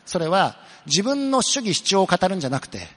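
Very animated and high-pitched, with a somewhat bright tone, a pastor preaches in what sounds like a big room. He earnestly asks the congregation questions before answering them himself, slowing his delivery for emphasis.

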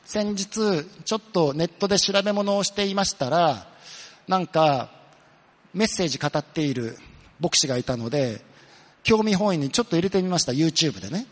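The voice belongs to a man preaching as pastor, a little high with lively intonation and a big-room sound. Earnest throughout, he quizzes the congregation, answers his own questions, and drops his pace to emphasize points.

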